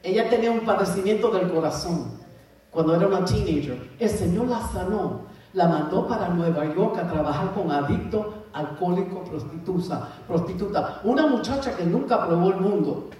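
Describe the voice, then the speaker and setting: A woman's voice: lowish voice, expressive, moderate pace, dark tone, distant mic. Fervent woman preaching in an echoey hall. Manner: fervent, laughs often, slips into English phrases. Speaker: church speaker giving testimony. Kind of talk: preaching testimony.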